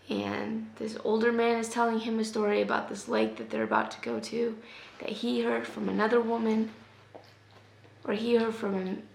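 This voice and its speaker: A young woman chatting casually in a reading vlog, sick and losing her voice, often dropping to a soft half-whisper. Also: on the high side, vocal fry, roomy sound. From US West Coast. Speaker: book vlogger. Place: at home.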